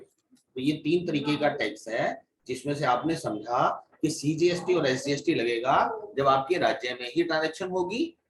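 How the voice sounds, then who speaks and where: A man's voice: a little high, a little hiss or hum. A man teaching a tax course, explaining step by step and checking in with his class. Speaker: GST course instructor. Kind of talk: classroom lecture. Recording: echoey room, mic at a distance.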